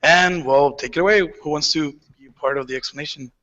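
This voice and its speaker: A man hosts an online show and gives upbeat introductions and questions. His voice is bright and a little high. The sound is dull with a long reverb. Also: fairly quick. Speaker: show host.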